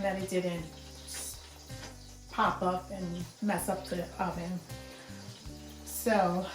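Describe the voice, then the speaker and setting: A woman's voice: medium pitch, echoey room. A woman hosting a home cooking vlog, chatting to viewers and explaining each step as she works. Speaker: cooking channel host.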